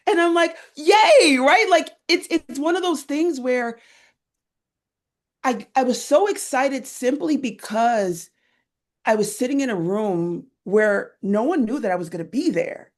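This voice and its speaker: A woman guest in an interview, talking with enthusiasm and acting out little scenes as she tells them. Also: measured pace. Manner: enthusiastic storyteller, lively swings in pitch when retelling scenes. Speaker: guest, end-of-life doula educator. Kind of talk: conversational interview.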